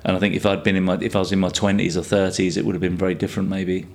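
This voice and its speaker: A man's voice: low voice, little pitch movement, very fast. A man, chatting casually as a guest and telling rambling stories with plenty of swearing. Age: 50s. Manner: rambling storyteller, swears freely. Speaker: guest artist. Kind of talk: casual chat.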